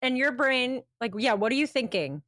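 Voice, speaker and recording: A woman co-hosting a podcast who asks halting, searching questions. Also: high voice, expressive, a bit bright, dry recording, clean studio sound. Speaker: podcast co-host. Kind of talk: casual chat.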